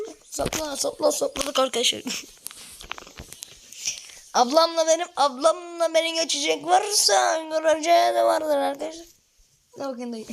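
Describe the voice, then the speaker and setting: A woman chatting excitedly and swearing while playing a phone game with her older sister at home, often shouting and laughing. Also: high voice, vocal fry, a little hiss or hum. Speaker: gamer recording gameplay with her older sister. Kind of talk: excited casual gameplay chat.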